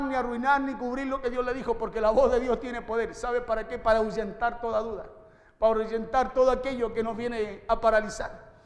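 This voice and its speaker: A male pastor, preaching a sermon to his congregation and asking them questions. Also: extremely high pitch. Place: church hall. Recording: echoey hall reverb.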